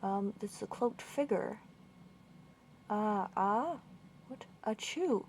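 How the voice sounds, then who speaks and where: A woman giving casual gameplay commentary, thinking aloud and puzzling over where to go. Her voice sits at mid pitch with a gravelly fry. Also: animated, slow pace, a little hiss or hum. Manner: muttering, thinking aloud, confused questions. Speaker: gamer playing through a walkthrough.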